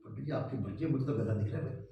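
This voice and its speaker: A man's voice: mid-range voice, rapid-fire, creaky, a little hiss or hum, voice pushed down, natural voice. A man voicing a sly male swindler who needles a priest in a mock-polite tone. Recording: echoey hall, distant mic, dull sound.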